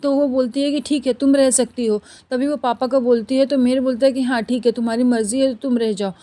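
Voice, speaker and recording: Woman, high voice, casual recap narrator, plain storytelling delivery. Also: brisk. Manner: plain storytelling, reads out dialogue flatly. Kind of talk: casual spoken plot recap.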